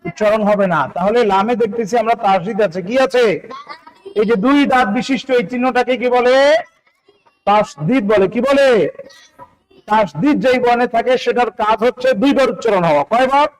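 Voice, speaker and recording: A man's voice: very high-pitched, a little fast, poor audio. A man from Bangladesh teaching Quran recitation step by step, patiently repeating syllables, asking questions and chanting the words drawn out. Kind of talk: spelling-out recitation lesson.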